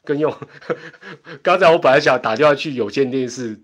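A middle-aged man hosting a casual livestream over a home internet setup speaks with a Taiwanese accent, at medium pitch and normal speed. He rambles chattily and keeps breaking into laughter between asides.

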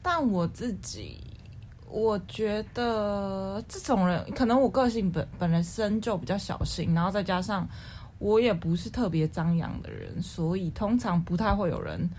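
A young woman, chatting casually as a co-host in a calm, quiet, measured way and airing mild complaints. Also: mid-range voice, slight background noise. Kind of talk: casual chat.

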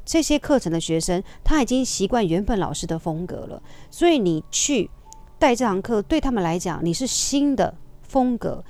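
Mellow-voiced woman. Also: mid-range voice, no echo. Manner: chatty and confiding, with frequent tag particles. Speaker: Zumba instructor. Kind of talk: casual storytelling to viewers.

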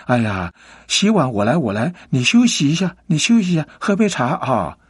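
A man's voice: a little high, big pitch swings, normal speed, breathy edge, no room sound, voice pushed up. A man voicing a worn-out young housewife and mother who complains shrilly, close to tears. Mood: caring.

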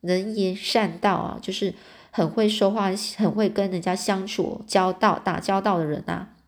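A woman's voice: mid-range voice, fairly even intonation, normal speed. Chatty woman retelling a storybook. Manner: chatty, explains words to listeners. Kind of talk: casual storybook read-aloud.

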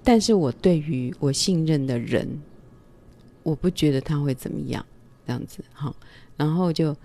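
A woman, telling a personal story at home in a calm, hesitant way with many pauses and fillers. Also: low voice, slight background noise. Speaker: vlogger.

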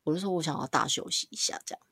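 A woman's voice: deep voice, very fast, sharp tone, slightly rough, dry recording, studio quality. A woman casually telling a personal story on a podcast. She swears now and then and acts out her own lines as quoted dialogue. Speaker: podcast co-host.

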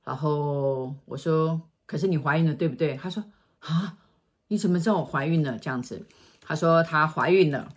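A middle-aged woman, telling a story in casual chat and acting out quoted lines in a hushed voice. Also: low-pitched, normal speed. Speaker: feng shui consultant telling stories.

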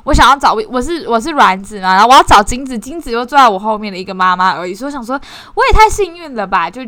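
Woman, 20s, casual sharing, animated and self-mocking, slightly high voice, dry close sound. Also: fast, no room sound. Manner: animated, self-mocking, frequent restarts and bursts of laughter. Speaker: course participant sharing reflections.

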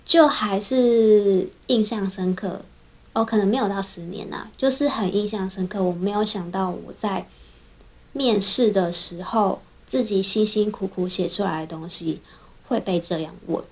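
A young woman engineer, telling her own workplace stories in a casual, chatty vlog, linking her thoughts with a steady run of "and then". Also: mid-range voice, measured pace. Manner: chatty, strings thoughts together with frequent "then". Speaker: software engineer. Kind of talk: casual personal vlog storytelling.

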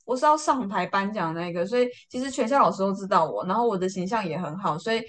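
A young woman with a Taiwanese Mandarin accent, telling a story as a guest in a casual chat and acting out the quotes with lively swings in her voice. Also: fast. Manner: lively, acts out quotes with big pitch jumps, laughs often. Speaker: podcast guest.

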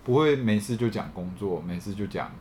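A man's voice: fairly low pitch, lively intonation, brisk, dark tone, slight background noise. A man with a Taiwanese Mandarin accent chatting casually and candidly, often repeating phrases as he thinks aloud. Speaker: podcast panelist. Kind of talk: casual chat.

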